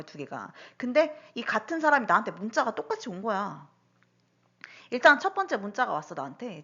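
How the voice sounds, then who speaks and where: Animated woman telling a story, lo-fi. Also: a little high. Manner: animated, lots of rhetorical questions and fillers. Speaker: vlogger recounting personal incidents. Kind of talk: casual storytelling monologue. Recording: dull lo-fi recording.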